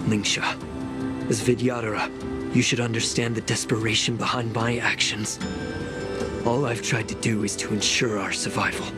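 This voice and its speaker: A man voicing a proud, bitter elder preceptor in a video game, with formal, measured, sardonic speech. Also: lowish voice, little pitch movement, close to an everyday voice. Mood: grave, defiant. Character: proud, bitter elder preceptor scheming for his dwindling clan. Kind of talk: scripted video game dialogue. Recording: game audio with music behind.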